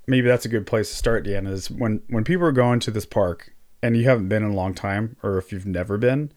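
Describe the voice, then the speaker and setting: A man's voice: lowish voice, a little fast, darkish tone. Man in natural, unscripted casual chat. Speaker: podcast guest.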